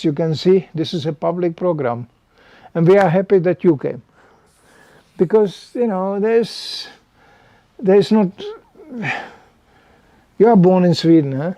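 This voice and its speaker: Older guy giving a chatty sermon, says you know a lot, kinda high but mellow voice, dry sound. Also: no echo, muffled recording. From Czechoslovakia. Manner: conversational, animated, frequent "you know". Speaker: preacher. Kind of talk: sermon to a small gathering.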